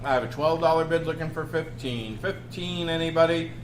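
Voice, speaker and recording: In an indoor auction room, a man with a somewhat high voice calls out bids a little fast, chanting prices in repeated phrases with folksy banter in between. The room sounds echoey, with faint background noise.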